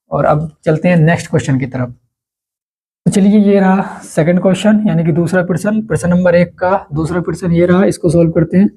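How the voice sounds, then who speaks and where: A man's voice: high voice, dark tone, breathy edge, rough recording. A man teaching a school maths lesson step by step, patiently repeating the key steps.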